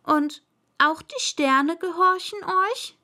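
A woman's voice: very high voice, lively intonation, slow pace, pushed and bright, pitched above the performer's own voice, heavily acted. A woman doing a shy little prince. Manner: shy, polite questioning. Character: young boy prince, shy and wondering.

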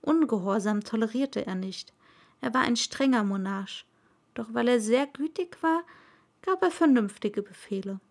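A woman narrating a storybook aloud in a measured storytelling manner. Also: fairly high pitch, lively intonation.

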